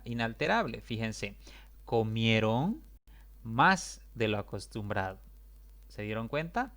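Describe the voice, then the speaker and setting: A man's voice: medium pitch, a bit bright. A man teaching a grammar lesson, patient and explaining step by step, often checking that his students follow.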